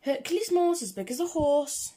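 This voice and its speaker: Reading a children's picture book aloud, a woman with a high, expressive voice and a dark tone moves at a moderate pace. She gives the rhyming verse a rhythmic, singsong delivery, in the manner of a storybook read-aloud.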